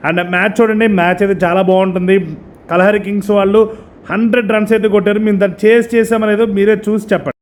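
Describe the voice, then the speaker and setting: A man's voice: high-pitched, level tone, very fast. A man casually addressing his viewers as a vlogger, mixing in English words. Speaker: vlogger and amateur cricket player. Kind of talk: casual vlog introduction to viewers.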